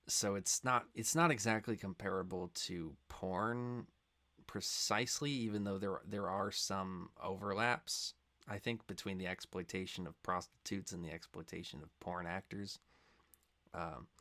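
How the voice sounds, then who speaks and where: A young man hosting a reaction video, talking in a rambling, filler-heavy way that swings into loud, impassioned rants. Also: low voice, fairly even intonation, a little slow. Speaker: reaction channel host. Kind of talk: casual reaction commentary.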